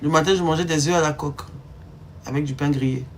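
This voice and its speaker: A woman from Ivory Coast, in her thirties, speaks fast in a low, steady voice with an Ivorian French accent. Her live-stream chat is casual yet emphatic and teasing, full of rhetorical questions for her viewers, over a faint hiss or hum.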